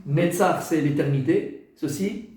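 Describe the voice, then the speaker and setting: A man leads a class as a rabbi, asking the room questions and answering them himself. His voice sits fairly high. The sound rings in an echoey room. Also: a little slow, darkish tone. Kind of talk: lively classroom teaching.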